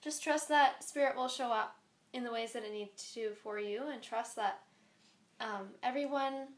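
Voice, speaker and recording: A woman's voice: fairly high pitch, normal speed. A woman giving a chatty spiritual angel card reading, recorded on a phone, with frequent laughs. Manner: chatty, laughing often, warm spiritual encouragement. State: hiccuping.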